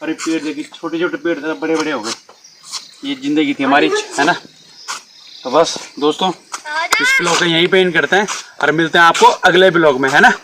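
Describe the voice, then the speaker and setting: A man's voice: fairly high pitch, lively intonation, normal speed, long pauses, noisy background. A man in his thirties from Uttarakhand, chatting casually to viewers in a travel vlog outdoors on a mountain path. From Uttarakhand, India. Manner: chatty, addresses viewers as friends. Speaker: vlogger.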